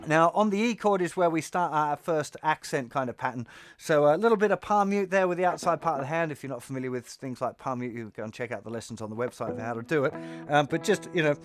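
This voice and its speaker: A man giving a guitar lesson, explaining in a relaxed way and counting beats aloud. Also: a little high, fast talker. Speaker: guitar teacher. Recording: loud guitar under the voice. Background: loud guitar playing.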